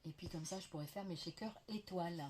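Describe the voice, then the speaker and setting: French woman, home haul vlogger, low-pitched, a little hoarse, chatty and enthusiastic, light background noise. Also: a little fast, darkish tone. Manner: chatty, gushing, many fillers. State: slight cough, veiled voice. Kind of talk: casual show-and-tell haul. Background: faint clatter of dishes.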